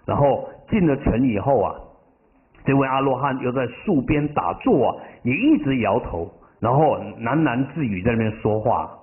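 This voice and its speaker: A man's voice: mid-range voice, lively intonation. A man as a Buddhist master giving a sermon and telling stories, drawing out the ends of his phrases with feeling. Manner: drawn-out emotional phrase endings. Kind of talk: sermon with storytelling. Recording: tinny phone-like sound.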